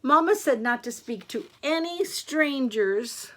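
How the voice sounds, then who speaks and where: Storybook little girl, played by a woman: high-pitched, innocent and well-mannered, slightly halting, very animated. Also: a little hiss or hum, full character voice. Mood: innocent, polite. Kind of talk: storybook character voice.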